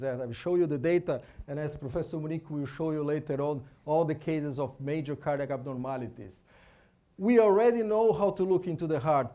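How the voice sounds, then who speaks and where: Speaking English with a Brazilian Portuguese accent, this man from Brazil presents a conference talk on fetal hearts alongside a live scan. His voice is a little high with a warm tone, and he speaks informally, restarting often and tagging questions onto his sentences.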